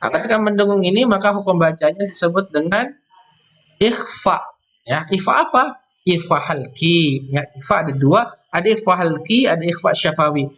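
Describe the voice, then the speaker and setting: Man, high voice, recitation lesson, slow chanted examples. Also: animated, fairly bright tone. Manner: explains step by step, often ending with "ya"; chants the verse words slowly before explaining. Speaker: teacher. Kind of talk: Quran recitation rules lesson.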